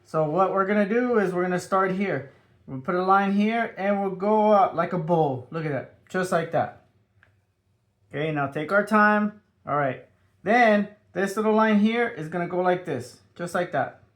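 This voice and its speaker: A man's voice: high-pitched, normal speed, a bit bright. A man leading a step-by-step drawing tutorial for children, upbeat and sing-song, dropping in playful sound effects as he draws.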